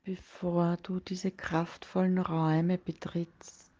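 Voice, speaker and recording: A woman leading a guided meditation in a soft, breathy, partly whispered voice, soothing and hushed, with long pauses between phrases. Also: lowish voice, flat delivery, highs cut off.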